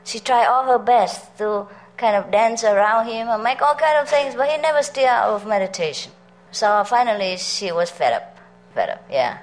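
Speaking at normal speed in a slightly high voice, a middle-aged Vietnamese spiritual teacher tells stories to a meditation group. She keeps it chatty, laughing often and asking listeners questions, though the recording is low quality.

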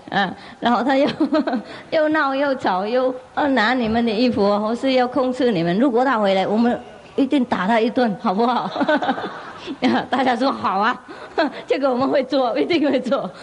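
A woman spiritual teacher tells a parable to her listeners with a fairly high voice. She speaks in an animated way and breaks into laughter often as she narrates. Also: moderate pace. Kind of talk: storytelling sermon.

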